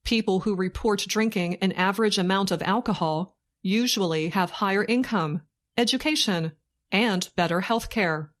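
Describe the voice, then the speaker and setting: A woman narrates a scripted news report for learners slowly and deliberately, in short phrases with pauses, like a dictation. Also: mid-range voice. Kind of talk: slow scripted learning-English news reading.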